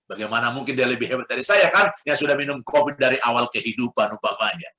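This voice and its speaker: A middle-aged man preaching a sermon to his congregation, animated, with rhetorical questions and light humor. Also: medium pitch, fast. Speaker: pastor. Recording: echoey hall sound.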